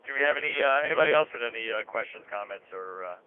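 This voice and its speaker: A man acting as net control on an amateur radio net, heard over a radio link with static, calling for check-ins in a relaxed, procedural way. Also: medium pitch, fast talker. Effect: heard over a two-way radio link with static. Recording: tinny radio transmission with faint static hiss.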